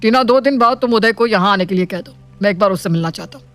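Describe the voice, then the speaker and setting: List: woman playing a stern rich father, cartoon story, scolding, commanding, middle pitch, faint background music. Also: fast talker, a bit bright, natural voice. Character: stern wealthy middle-aged father, strict and proud. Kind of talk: animated storybook voice acting.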